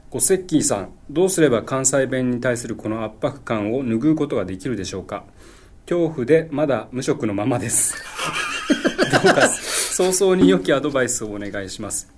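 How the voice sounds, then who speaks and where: A man's voice: mid-range voice, slight background noise. A man co-hosting a casual talk show, reading a listener's letter and chatting in an easygoing, agreeable way. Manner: easygoing, agreeable, laughs often. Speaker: radio co-host.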